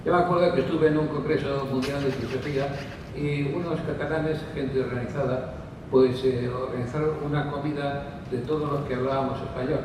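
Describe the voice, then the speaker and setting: A man's voice: medium pitch, fairly even intonation, a little fast. A man giving a discursive conference talk on a panel, with many fillers and asides. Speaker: panel speaker. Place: conference hall. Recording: distant mic in echoey hall with noise.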